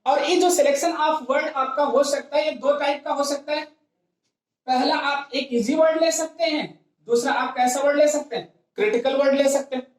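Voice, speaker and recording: A woman's voice: high voice, steady tone, moderate pace. A woman teaching English grammar in a classroom lecture, explaining step by step and asking herself rhetorical questions. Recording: very echoey classroom.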